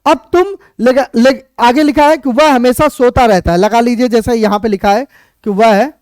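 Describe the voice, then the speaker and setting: A teacher explaining English grammar in Hindi, going step by step, asking questions and answering them, and slowing down to spell out each example sentence. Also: mid-range voice, a little mellow, dry recording.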